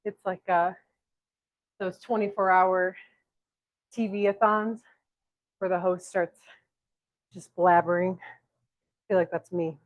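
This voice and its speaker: A woman with a Southern accent leading a workout class as fitness coach, out of breath, counting down and pushing her class on with energetic encouragement. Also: fairly low pitch, slow, long pauses, muffled recording. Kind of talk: live workout class cues.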